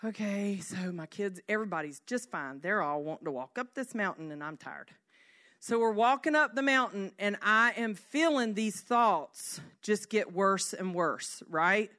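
A middle-aged woman, giving a conversational sermon as an animated storyteller who often asks "right?". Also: mid-range voice, a little slow. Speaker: speaker at a church service.

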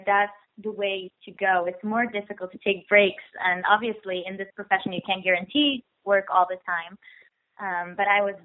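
Woman heard over a tinny phone line. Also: mid-range voice. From Israel. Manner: eager, repeats words for emphasis. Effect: heard over a telephone line. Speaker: guest actress. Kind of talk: phone interview.

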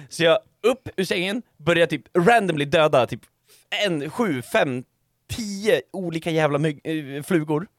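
A man telling a comic story with a lot of swearing and some English thrown in. His voice sits a little high and swings widely up and down. The sound is close and dry. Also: animated, no room sound. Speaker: podcast co-host.

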